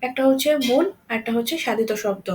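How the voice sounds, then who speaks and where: Female teacher, high voice, explains and repeats examples; faint hiss. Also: fast, rough recording. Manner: repeats examples, checks with "okay?". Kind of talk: grammar lesson explanation.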